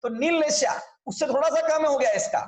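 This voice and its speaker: High-pitched guy teaching a scripture class, chatty, roomy echo. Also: fairly quick. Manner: conversational, keeps checking in with listeners. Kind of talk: explanatory religious class.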